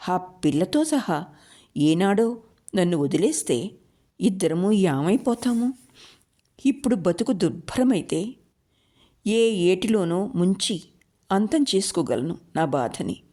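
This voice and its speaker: Slow, mellow woman reading a novel. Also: mid-range voice. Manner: slow, emotive first-person reading. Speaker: storyteller. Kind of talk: reading a literary novel aloud.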